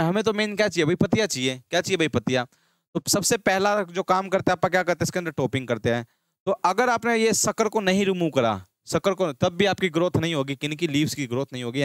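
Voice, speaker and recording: Male tutor, quick call-and-response drilling, clean close voice, dry sound. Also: fairly high pitch, no room sound. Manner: drills terms with repeated call-and-response questions. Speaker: agriculture teacher. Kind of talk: exam-prep lecture.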